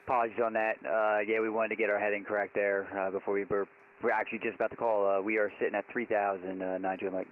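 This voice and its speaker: A man's voice: on the low side, flat delivery, quick pace. A man speaking as a pilot on air traffic control radio, giving hesitant readbacks over a radio transmission. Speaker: pilot in online flight simulation. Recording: noisy muffled radio transmission.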